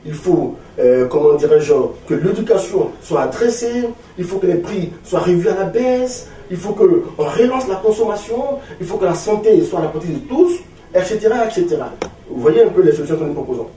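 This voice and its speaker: Being interviewed, an opposition party leader in his forties speaks French with an Ivorian accent, at normal speed, in a high, expressive, dark-toned voice. He is from Ivory Coast and leans on emphatic rhetoric and repeated phrases. Sound is roomy and distant, with a faint hiss.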